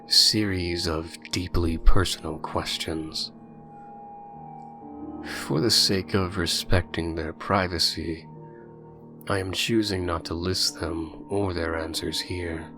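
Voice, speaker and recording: A man narrates a horror story in a very deep, unhurried voice, measured and grim. Faint music plays underneath the reading. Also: steady tone.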